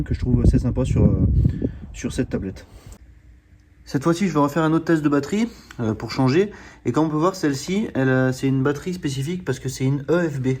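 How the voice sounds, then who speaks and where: With background noise behind his mid-range voice, a man hosting a car channel reviews a diagnostic tool through a hands-on product demonstration. He explains as he goes, often hesitating with fillers and restarting words.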